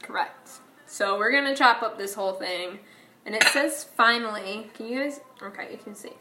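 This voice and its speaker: A woman's voice: medium pitch, normal speed, very noisy. A young woman vlogging in her home kitchen, chatty and self-mocking, talking straight to her viewers as she cooks. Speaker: cooking vlogger. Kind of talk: casual cooking vlog.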